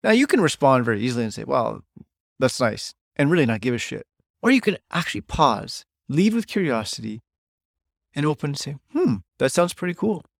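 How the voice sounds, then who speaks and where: A man's voice: medium pitch, big pitch swings, brisk, gravelly, no room sound, clean studio sound. Blunt, emphatic male podcast host. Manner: blunt, emphatic, swears freely. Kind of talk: solo podcast monologue.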